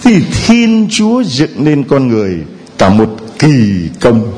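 A man's voice: medium pitch, wildly swooping pitch, takes it slowly, darkish tone. A man preaching a homily who keeps a playful tone, quizzing the congregation with questions and chuckling between points. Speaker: priest.

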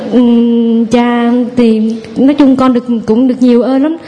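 A woman's voice: a little high, background noise. A woman in her thirties, a mother from the audience, nervously sharing a personal testimony and quoting her family in a chatty way. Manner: chatty storytelling, acts out family quotes. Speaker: audience member giving testimony.

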